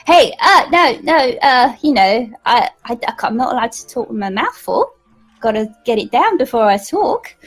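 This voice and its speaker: A woman's voice: high voice, very animated, moderate pace, gravelly, husky, faint music behind, voice pushed up, exaggerated voice. A woman voicing a small, polite young woman, cheery and a little flustered.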